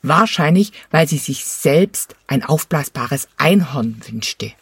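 A woman reading a children's storybook aloud in a calm, even storytelling manner. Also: sits low, slow, slightly rough, no room sound. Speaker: narrator.

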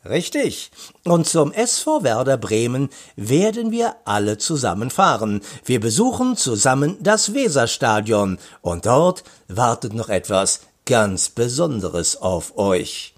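A man's voice: medium pitch, very animated, measured pace. A man voicing a cheerful veteran woman police inspector in a read-aloud story. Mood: excited.

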